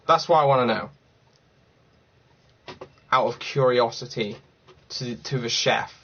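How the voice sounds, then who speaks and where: A man from Cardiff hosts a casual livestream, thinking aloud as he works through viewer comments. His voice sits at a middling pitch. The recording sounds slightly dull and lo-fi. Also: measured pace, gravelly, a bit bright, slight background noise. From Cardiff, Wales. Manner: chatty and rambling, thinks aloud. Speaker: livestream host.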